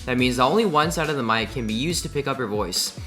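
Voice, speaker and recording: Upbeat man reviewing tech, lively voice. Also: medium pitch, fast talker. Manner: upbeat, enthusiastic. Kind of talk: scripted product review. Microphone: desk USB condenser mic. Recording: roomy echo, faint music.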